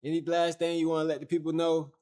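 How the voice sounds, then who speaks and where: A young male streamer from Fayetteville, North Carolina, talking loosely and profanely with plenty of fillers. His voice sits slightly high for a man. He keeps it easygoing and conversational. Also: little pitch movement, fast talker, warm tone. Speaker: livestream host. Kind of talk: casual livestream chat.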